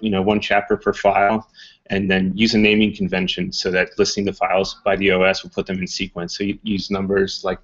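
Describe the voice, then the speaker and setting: Low-voiced man giving a casual tech talk. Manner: relaxed, many ums and uhs, restarts. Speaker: presenter. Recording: muffled talk recording.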